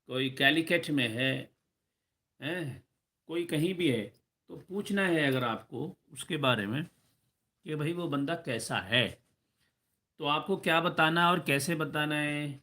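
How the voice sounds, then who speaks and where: A man's voice: fairly high pitch, pushed and bright. Patient man teaching Arabic lessons. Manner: patient, repeats "ٹھیک ہے؟" checks and slow drawn-out example phrases. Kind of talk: recorded online lesson.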